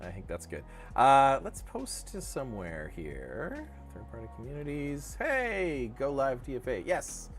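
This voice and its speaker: A middle-aged man chats on a livestream with an animated, bouncing pitch, joking along and often restarting his sentences. Faint music plays underneath his voice. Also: a little slow. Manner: rambling, self-correcting, jokey. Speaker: co-host of a crypto dev livestream. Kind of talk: casual livestream chat.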